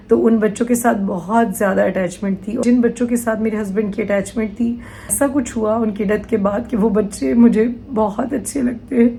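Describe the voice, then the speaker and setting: A woman's voice: mid-range voice, creaky, dark tone, slight background noise, rough recording. A woman in her thirties answering viewers' questions in an earnest, emotional vlog from a small room at home. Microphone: camera in front of her. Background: faint household sounds from outside.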